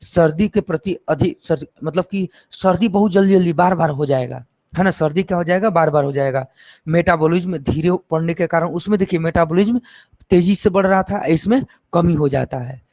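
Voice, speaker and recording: A man's voice: a little high, brisk, a little mellow, no echo. A man teaching a lesson, explaining step by step and asking and answering his own questions. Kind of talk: classroom lecture.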